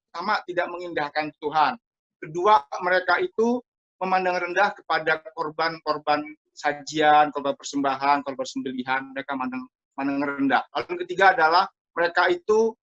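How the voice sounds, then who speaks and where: Guy teaching sunday school over a video call, chatty and lively, talks right to the kids, muffled lo-fi sound. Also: fairly high pitch. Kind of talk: storytelling a Bible lesson for children. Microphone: computer mic over a video call.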